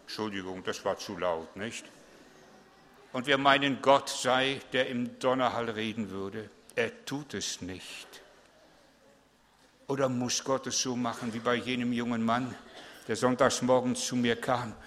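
A man's voice: mid-range voice, fairly even intonation, a little slow, a bit bright, big-room sound. A man preaching a sermon as pastor, stressing points with repeated words and direct questions to the congregation.

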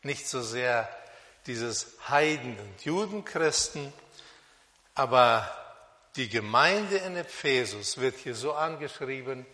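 A man preaching a sermon on a Bible passage, speaking slowly and deliberately with pauses and fillers, in a church hall. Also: mid-range voice, expressive, pushed and bright. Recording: long reverb of a hall.

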